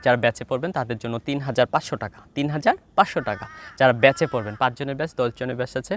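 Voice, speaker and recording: A man with a Bangladeshi accent teaching spoken English in an informal lesson, mixing English and Bengali and drilling practice questions slowly, again and again. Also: medium pitch, a bit bright, a little hiss or hum. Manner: mixes English and Bengali, fillers and restarts.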